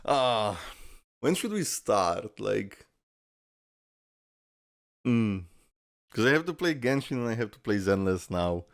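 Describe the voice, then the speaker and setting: Hosting a reaction video, this man speaks slowly in a fairly low voice, pausing often as he reacts live in an animated, blunt, profane way packed with exclamations and swearing. The studio-quality audio has no room sound, with game trailer music from the watched video in the background.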